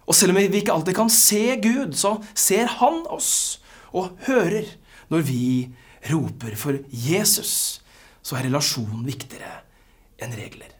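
Husky preacher giving a sermon, goes loud then drops almost to a whisper. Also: mid-range voice, animated. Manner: dramatic dynamics, drops to near-whispers at phrase ends.

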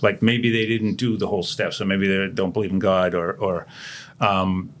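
An older man talking about his recovery as a podcast guest, reflective and halting, often restarting his sentences. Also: sits low, little pitch movement. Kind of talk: casual conversation about recovery.

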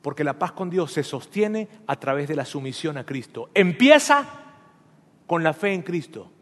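A male pastor preaching an emphatic, animated sermon, addressing his congregation directly in a church. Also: fairly high pitch, normal speed. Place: church sanctuary. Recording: long hall reverb.

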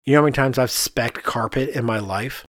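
An American architect co-hosts a podcast, chatting casually about architecture, explaining things and thinking aloud as he goes. His voice is medium-pitched, fairly quick, and fairly bright. The recording is clean studio sound with no room sound.

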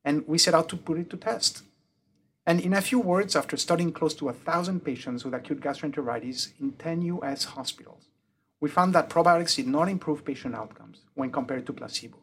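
A man's voice: on the high side, fairly quick. A man with a mixed French and Mexican accent, a pediatric emergency doctor, methodically explaining his research in an interview. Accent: mixed French and Mexican Spanish. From born in the UK, grew up in Mexico. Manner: methodical, lists points in a steady explanatory way.

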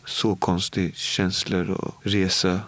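A man's voice: low-pitched, flat delivery, fairly bright tone, no room sound. A man in his forties sharing a personal story in an interview, talking casually and from the heart, often quoting what people said. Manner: casual and heartfelt, with frequent filler words and quoted dialogue. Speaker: guest.

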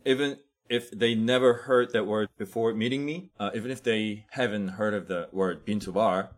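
Korean-accented man, halting interview answers. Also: fairly low pitch. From South Korea. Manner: halting, searching for words. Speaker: chocolate shop owner, guest.

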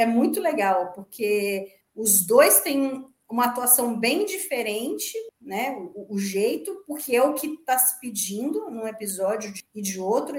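A woman co-hosting a casual podcast chat, animated and acting out quoted lines. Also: on the high side, roomy sound. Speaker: podcast co-host.

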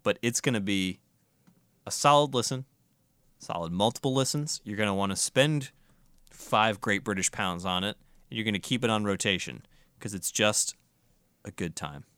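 Low-voiced, crisp casual podcast host. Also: male voice, moderate pace, pauses often, a bit bright, dry recording. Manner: enthusiastic, profane, rambling. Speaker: podcast host, music reviewer.

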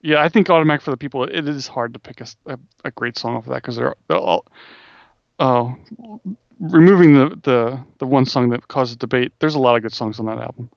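A man's voice: medium pitch, a little fast, vocal fry, dry recording, muffled recording. A man co-hosting a podcast, casually chatting about music with dry, mock-serious teasing. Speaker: podcast co-host.

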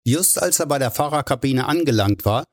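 A man narrating a novel in a measured storytelling way. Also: mid-range voice, lively intonation, dry recording, studio quality. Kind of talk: audiobook narration.

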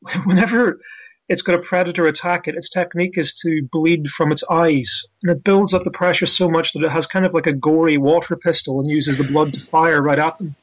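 A man with a fairly high voice talks in a casual, enthusiastic way as a science presenter being interviewed. He explains things chattily down a dull phone line. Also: steady tone, brisk. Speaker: science presenter and comedy night organiser. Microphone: telephone.

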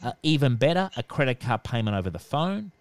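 Nasal man giving calm advice. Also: medium pitch, brisk. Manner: calm, instructive, repeats "okay". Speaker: debt collection expert. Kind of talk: podcast interview answers.

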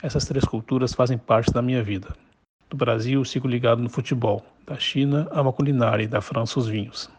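A man's voice: medium pitch, fairly even intonation, brisk, darkish tone, breathy edge. A man from Brazil with a Brazilian Portuguese accent, speaking in an orderly, explanatory way in a prepared voice message. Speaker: guest sending a voice message.

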